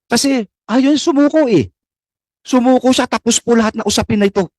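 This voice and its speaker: Isang lalaking opisyal ng gobyerno na mahinahon at mapagpakumbabang nagpapaliwanag sa isang pagdinig. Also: male voice, very high-pitched, no room sound. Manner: measured, conciliatory, explaining. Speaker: government official answering questions. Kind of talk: formal hearing testimony. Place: hearing room.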